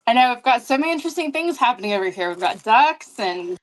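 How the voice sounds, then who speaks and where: A woman's voice: fairly high pitch, expressive, fast. A woman player in casual chat on a tabletop game stream, friendly, a bit sheepish, laughing easily.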